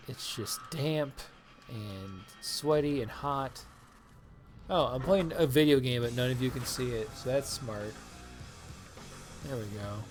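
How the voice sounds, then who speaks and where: A woman's voice: rumbling low, darkish tone, a little hiss or hum. A woman live streamer chatting casually while gaming, rambling and self-deprecating and laughing often.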